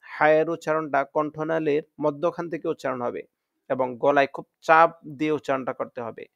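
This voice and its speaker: A man with a Bangladeshi Bengali accent teaches the Arabic letters in a recorded lesson. His voice is smooth, resonant and a little high. He is recorded close up and dry, and he says each letter slowly three times for listeners to repeat. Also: fairly even intonation, a bit bright, no echo, dull audio. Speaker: Quran reading teacher.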